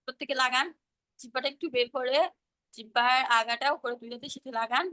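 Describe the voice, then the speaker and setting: A woman's voice: high-pitched, steady tone, a little fast, sharp tone. A woman teaching Arabic letter pronunciation in an online class over a video call, patiently repeating sounds for students to echo. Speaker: Quran recitation teacher.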